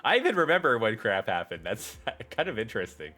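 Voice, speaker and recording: A low-voiced man reads a fan story on a live stream and keeps breaking off for sarcastic, joking remarks. His pitch leaps around a lot. Faint music plays behind him. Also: big pitch swings, brisk, bright, forceful tone. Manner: mocking, joking asides, laughs often. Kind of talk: reading fan fiction aloud on a live stream.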